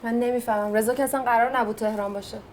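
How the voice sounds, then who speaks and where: A woman's voice: a little high, steady tone, a little mellow, slight background noise, close to an everyday voice. An actress playing an anxious wife and mother who presses people with urgent questions. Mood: alarmed. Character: anxious wife and mother, young adult woman. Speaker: worried wife of an injured man. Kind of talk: film acting.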